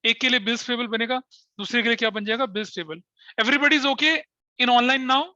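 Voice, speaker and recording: A man's voice: extremely high pitch, normal speed, bright, forceful tone, dry recording, dull audio. A man teaching an accounting class, mixing Hindi with English, asking questions and repeating key terms to check that his students follow.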